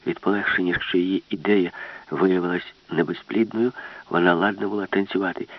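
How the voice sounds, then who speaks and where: Husky man narrating a storybook. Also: deep voice, a little fast, no room sound, lo-fi sound. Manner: expressive storytelling. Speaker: audiobook narrator.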